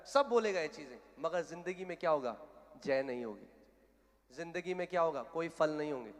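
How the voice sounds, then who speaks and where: A male pastor preaching a sermon in Hindi, blunt and direct, building to loud exhortation. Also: a little high, animated, a little fast. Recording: hall reverb.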